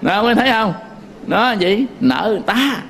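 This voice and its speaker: A little hiss or hum underlies this recording of a Buddhist monk teacher whose high, gravelly voice is animated, a little fast, and fairly bright. In a Southern Vietnamese accent he tells folksy stories, chuckles often, and addresses listeners head-on.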